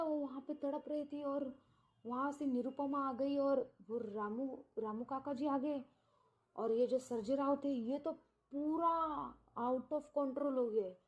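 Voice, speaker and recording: A woman storyteller spins a first-person murder tale, her voice slightly high and full of breathless exclamations. She tells it casually, as if recounting the night to a friend. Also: a little mellow.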